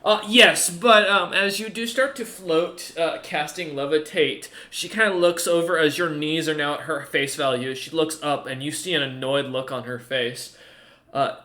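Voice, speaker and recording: A man narrating a tabletop game as game master, improvising in a halting way as he thinks aloud. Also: on the high side, steady tone, sharp tone.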